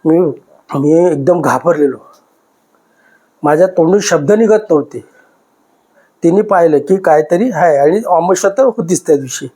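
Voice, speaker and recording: A man's voice: fairly high pitch, animated, normal speed, pauses often, dark tone. A man in his fifties, a podcast guest, emotionally recounting a personal ghost experience and repeating himself as he goes. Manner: emotional, repetitive retelling.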